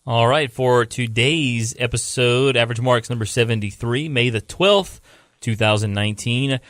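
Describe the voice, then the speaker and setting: A man's voice: medium pitch, moderate pace, fairly bright tone, no room sound, studio quality. A man hosting a wrestling podcast, laying out the episode and reading a news article aloud in a laid-back way, stumbling over words. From Louisiana. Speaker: podcast host.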